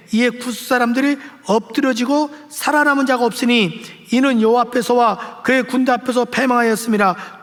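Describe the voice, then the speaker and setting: A man's voice: very high-pitched, fairly bright tone. An older man, a senior pastor, preaching a sermon in a church sanctuary, exhorting his congregation and rising into emphatic appeals. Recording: long church hall reverb.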